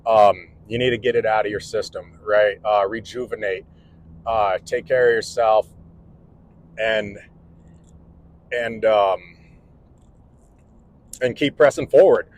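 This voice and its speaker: Speaking slowly with long pauses, this electrical contractor in his forties has a lowish, steady voice. He rambles earnestly to camera indoors at home in a casual vlog, restarting many times, over slight background noise and poor audio.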